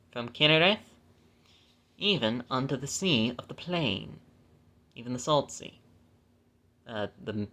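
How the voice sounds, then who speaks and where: Scripture reader, male, mid-pitched and bright, casual and self-deprecating between verses. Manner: chatty, laughs at himself, corrects his own stumbles. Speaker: Bible reader. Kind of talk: scripture reading with casual asides.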